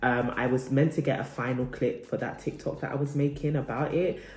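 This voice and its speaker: A woman's voice: rumbling low, steady tone, brisk, a little mellow. Young woman, casual vlog chat, rambling, self-correcting, camera mic at a distance, roomy echo. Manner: chatty, rambling, self-correcting with many fillers. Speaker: vlogger. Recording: roomy, distant, faint background noise.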